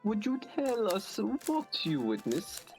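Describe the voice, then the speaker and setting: A woman's voice: mid-range voice, huge pitch swings, slow, soft background music. A woman voicing a haughty, arrogant young female prosecutor, speaking in an imperious and mocking way while reading a game aloud with voices.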